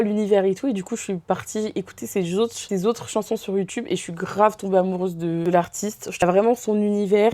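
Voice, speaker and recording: Vlogueuse jeune, voix douce et feutrée, bavarde et enthousiaste, caméra tout près, son sec. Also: female voice, mid-range voice, mellow, no echo. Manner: chatty, giggly, enthusiastic with casual slang. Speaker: beauty and haul vlogger. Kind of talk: casual chat to camera. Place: her bedroom. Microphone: camera very close to her face.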